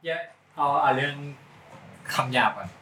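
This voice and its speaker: A man in casual chat with friends, animated and teasing, quick to laugh. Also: medium pitch, echoey room, background noise.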